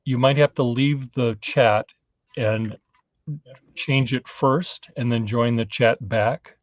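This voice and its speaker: A man in his fifties hosting a casual livestream from a cluttered home studio, talking haltingly with many fillers. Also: mid-range voice, steady tone, no room sound. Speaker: livestream host. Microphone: webcam on a video call. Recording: dull lo-fi, dry.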